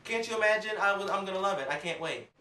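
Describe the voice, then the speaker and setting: A woman casually reviewing an awards show in a sassy, animated, gossipy way, acting out quotes as she talks. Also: medium pitch, quick pace, distant mic. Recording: roomy, off-mic home recording.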